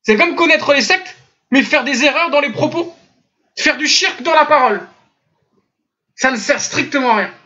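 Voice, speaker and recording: Expressive and very high-pitched, pushed and bright, this man talks at a moderate pace and pauses often. He is a French-speaking Islamic teacher giving an online religious lesson on a computer mic in a voice chat room, insistently modeling sounds to fix pronunciation, in lo-fi audio.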